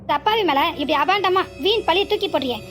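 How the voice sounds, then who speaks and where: A woman voicing a sharp-tongued, scolding middle-aged village woman in a cartoon serial. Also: extremely high pitch, animated, fast talker, over music. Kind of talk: Tamil cartoon serial voice acting. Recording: noisy recording with clicks.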